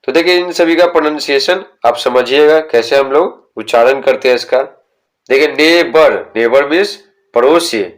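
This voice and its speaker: Man explaining a school textbook. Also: mid-range voice. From India. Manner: slow, deliberate reading of English sentences, then explaining them; asks the students questions and answers them himself. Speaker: teacher.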